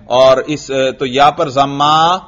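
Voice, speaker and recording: A man teaching an Arabic grammar lesson, asking his students questions, answering them himself, and drawing out the example words slowly. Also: mid-range voice, steady tone, a bit bright. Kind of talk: classroom lesson. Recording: dull lo-fi recording.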